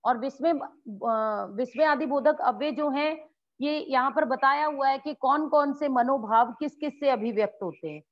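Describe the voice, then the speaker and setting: Woman teacher explaining grammar to a class, acts out examples, answers her own questions; slightly high voice on a muffled recording. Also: a little slow. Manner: acts out example exclamations with lively swings in tone. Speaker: school Hindi teacher.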